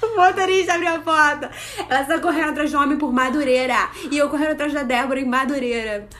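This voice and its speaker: A young woman telling a story in a casual group chat, animated and laughing, acting out the voices of people in her story. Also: sits high, quick pace.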